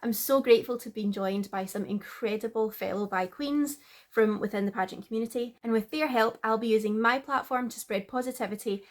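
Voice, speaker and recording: A woman hosting, reading a scripted introduction in an even delivery. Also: a little high, a little fast. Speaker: host.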